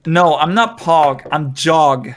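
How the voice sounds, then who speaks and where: This Danish streamer's voice is a little high and expressive, and he takes his time. He chats casually on a livestream in a rambling, hesitant way, full of fillers and restarts.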